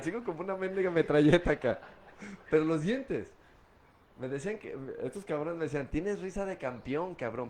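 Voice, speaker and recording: This middle-aged man from Guadalajara has a voice on the high side and a darkish tone. Speaking with a Mexican Spanish accent as a guest, he offers a frank personal testimony of his past drinking, profane and full of street slang.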